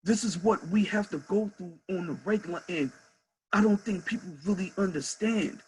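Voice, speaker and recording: A man with a somewhat high-set voice recounts a story in a loose, conversational way, circling back to repeat key phrases. He speaks as a head coach, lively and emphatic, with a faint hiss of noise behind him. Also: normal speed, poor audio. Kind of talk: casual storytelling.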